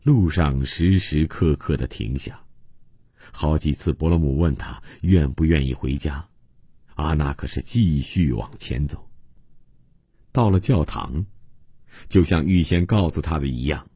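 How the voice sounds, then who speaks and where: A man with an extremely deep, breathy-husky voice reads a novel aloud for radio. His delivery is measured and even. The close studio recording is completely dry. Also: no echo. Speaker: audiobook narrator. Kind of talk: scripted novel narration. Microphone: close studio microphone.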